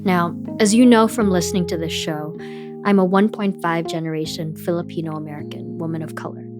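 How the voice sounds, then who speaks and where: Low-voiced woman podcast host. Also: fairly quick, music in the background. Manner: candid, personal storytelling. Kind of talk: scripted personal podcast narration.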